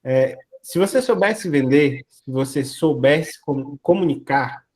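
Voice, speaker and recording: Relaxed man co-hosting a mentoring chat. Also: on the high side, unhurried. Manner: relaxed, slangy, backs up his co-host. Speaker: co-host mentor. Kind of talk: casual mentoring talk.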